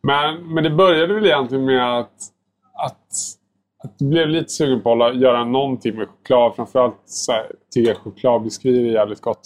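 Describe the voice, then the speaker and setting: Laid-back male baker chatting. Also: medium pitch. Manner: relaxed, rambling, heavy filler words and mild swearing. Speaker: guest, baker and pastry chef. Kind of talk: casual podcast chat.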